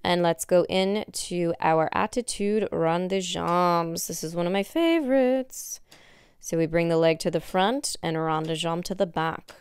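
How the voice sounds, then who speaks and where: A young woman leads a workout in the manner of an aerobics instructor. Her voice is slightly low and very clean, with little room echo. She gives encouraging cues while doing the exercises herself. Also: unhurried, a little mellow, smooth. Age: young adult. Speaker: fitness instructor. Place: indoor wood-floored exercise studio.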